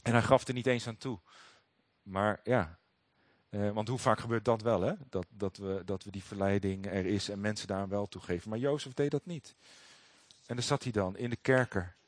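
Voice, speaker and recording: Low-voiced man preaching, dry sound. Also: steady tone, normal speed, no echo. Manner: hesitant, many fillers and restarts. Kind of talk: Bible reading with commentary.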